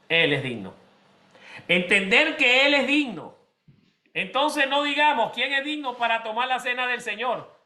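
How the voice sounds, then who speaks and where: Male pastor, high and very bright voice, chatty preaching style, roomy echo. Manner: conversational preaching, addresses congregation by name. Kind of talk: sermon.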